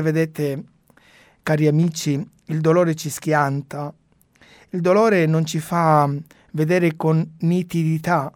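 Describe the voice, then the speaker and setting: A woman commenting on the Gospel for a radio audience in a reflective sermon style, with pauses and fillers. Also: fairly low pitch, a little mellow, no echo, clean studio sound.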